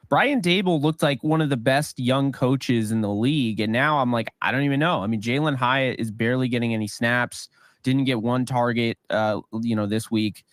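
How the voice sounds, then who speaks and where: A man co-hosting a sports podcast, giving rambling, animated opinions with lots of fillers. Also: medium pitch, no room sound, studio quality. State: voice getting worn. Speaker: podcast co-host. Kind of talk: casual sports talk.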